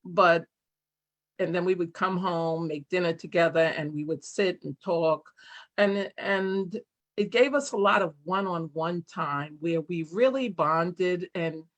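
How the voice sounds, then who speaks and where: A woman's voice: fairly low pitch, lively intonation, unhurried, fairly bright tone. Woman track coach reminiscing on video call. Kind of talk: personal storytelling on a panel.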